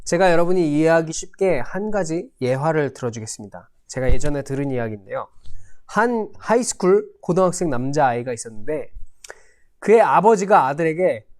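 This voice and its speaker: Expressive Korean-speaking pastor, higher male voice. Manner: expressive storytelling with big swings in pitch and loudness; slow, deliberate scripture reading. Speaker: pastor teaching Sunday school. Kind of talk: Bible lesson for Sunday school.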